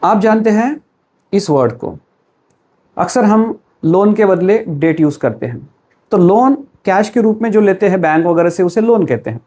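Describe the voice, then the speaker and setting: With a high, expressive voice and a dark tone, this Indian-accented man teaches English pronunciation in a classroom-style lesson. He switches between Hindi and English, poses questions to the viewer, and keeps his delivery slow and deliberate.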